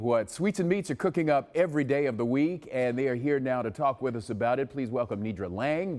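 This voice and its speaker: A man's voice: mid-range voice, a little mellow, in a large hall. A man hosting a lifestyle TV show, chatting casually and jumping in as he interviews guests. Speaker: TV show host.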